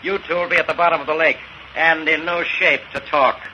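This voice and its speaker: An actor playing a ruthless, boastful killer in a 1950s radio space adventure, with a menacing manner. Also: male voice, fairly high pitch, steady tone, brisk, dull audio, close to an everyday voice. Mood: gloating menace. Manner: menacing, gloating. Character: ruthless, boastful male space-age murderer with a gun. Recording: faintly noisy old radio recording.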